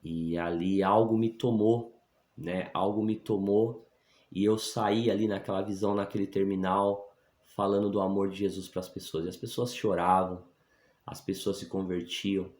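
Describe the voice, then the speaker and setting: A man with a very low voice gives his conversion testimony as a pastor, speaking earnestly and with emphasis. He keeps checking in with his listeners with a quick "né?". His voice rings in an echoey room. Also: steady tone, a little mellow. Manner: earnest, emphatic, often adds "né?" for assent.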